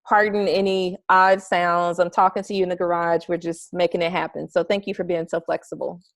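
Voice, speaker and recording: Speaking a little fast in a flat, fairly low voice, a young American woman joins a casual interview over a call as the guest, a marketing strategist. The recording is dry, and she talks eagerly and at length from her home garage, dropping fillers along the way.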